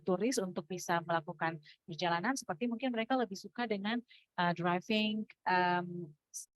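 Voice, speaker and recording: A woman's voice: fairly low pitch, dry recording, rough recording. A woman with an Indonesian accent moderating a seminar and summarizing in two languages, speaking hesitantly with many fillers.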